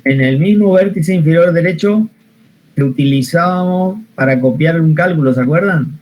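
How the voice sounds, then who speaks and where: A man's voice: on the high side, moderate pace, darkish tone, poor audio. A man teaching an online spreadsheet class, patient, repeating each step and asking the class questions. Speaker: computer science teacher.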